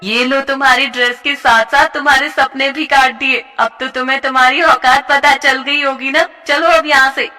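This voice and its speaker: A woman's voice: high-pitched, fairly even intonation, normal speed, hardly any pauses, bright, forceful tone, long reverb tail, soft background music, pitched above the performer's own voice. A woman voicing a mean, mocking schoolgirl who taunts with scorn, in a cartoon story. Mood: taunting.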